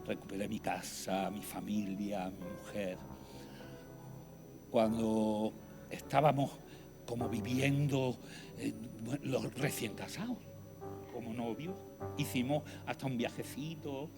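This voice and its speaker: A middle-aged man speaks at an ordinary mid pitch, telling his own faith story in an earnest, conversational way. He pauses to reflect as he goes. Music plays clearly beneath his voice. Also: steady tone. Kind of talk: personal testimony talk. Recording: music playing behind the voice.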